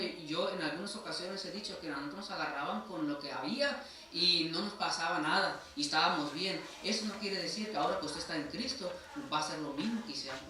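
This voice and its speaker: A man with a Mexican accent preaching a sermon as pastor, emphatic and repeatedly calling his listeners brother. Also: fairly high pitch. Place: church sanctuary. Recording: echoey church hall from far off, faint noise.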